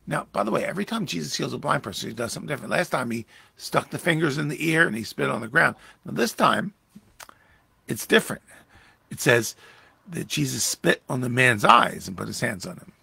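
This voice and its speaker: Gravelly, husky pastor. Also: male voice, mid-range voice, brisk, no echo. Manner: conversational, animated, acting out Jesus' lines with raised voice. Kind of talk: Bible study teaching.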